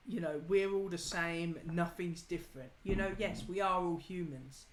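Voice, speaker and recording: Speaking at a normal pace in a high-pitched voice, this political talk show host from England rants emphatically as he pushes his opinions in a casual political debate. The room echoes, and there's a faint noise underneath.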